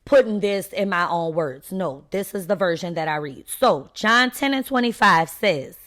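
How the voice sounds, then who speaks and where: A woman's voice: on the low side, animated, moderate pace, fairly bright tone. A woman hosting a faith podcast, talking unscripted and emphatically, and addressing listeners directly as y'all in a preachy tone. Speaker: podcast host.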